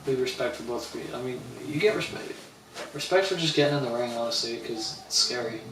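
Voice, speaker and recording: Young male streamer, casual rambling storyteller, slangy, mid pitch, recorded a little off-mic in an echoey room. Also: brisk, distant mic, noisy background. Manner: rambling, slangy, quotes people in voices. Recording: roomy, off-mic with faint ambience.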